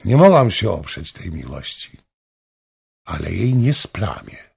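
Casting: a man doing a firm, determined woman in an audiobook, low and hushed, slow, husky. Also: heavily acted. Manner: low, quiet, steady. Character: brave resolute young woman, calm and firm.

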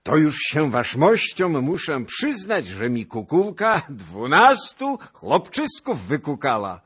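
A hearty young knight from a storybook reading, overjoyed and calling out at the top of his voice, as a male narrator puts him on. The voice leaps high and stretches slowly, husky and a little distant from the mic. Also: huge pitch swings, exaggerated voice. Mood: elated. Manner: shouting toasts.

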